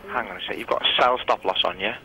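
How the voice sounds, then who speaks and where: A man acting as broker on a phone call, brisk and businesslike. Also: lowish voice, noisy background.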